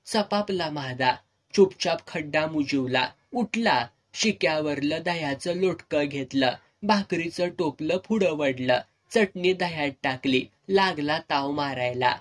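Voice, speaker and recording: A man's voice: on the high side, a little slow. A man narrating a serialized village novel in earthy, vivid dialect. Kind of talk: storytelling narration.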